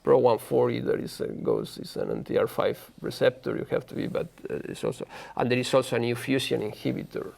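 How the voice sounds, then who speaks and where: A man with a very creaky, gravelly voice reviews medical research as an expert. He speaks haltingly, searching for words as he goes. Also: medium pitch, wildly swooping pitch, darkish tone. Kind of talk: expert conference review with discussion.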